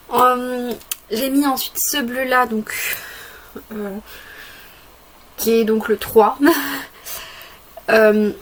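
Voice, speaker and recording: Chatty woman doing a makeup tutorial. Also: a little high. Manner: chatty, hesitant with frequent fillers. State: sick, occasional coughing. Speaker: makeup vlogger.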